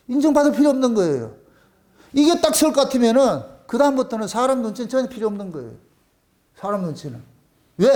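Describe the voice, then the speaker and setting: Male pastor, Gyeongsang accent, high lively delivery, folksy rhetorical sermon. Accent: Gyeongsang dialect. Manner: animated, colloquial preaching full of rhetorical questions.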